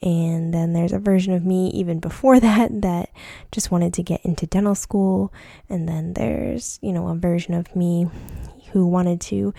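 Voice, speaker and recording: A woman in her twenties, an orthodontic resident, reflecting on her week in a thoughtful personal vlog with many pauses and fillers. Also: on the low side, steady tone, vocal fry, warm tone, no echo, studio quality. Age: 20s.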